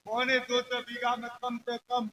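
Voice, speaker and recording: A man's voice: extremely high pitch, completely flat delivery, measured pace, sharp tone, heavily acted, poor audio. A man with a playing a simple village farmer, wailing and complaining in a comic, exaggerated way in a folk stage play. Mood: whiny.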